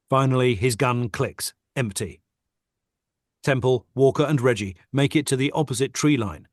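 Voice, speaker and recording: A man's voice: medium pitch, dry recording, clean studio sound. A man reading the stage directions of a script steadily and matter-of-factly in a table read over a video call.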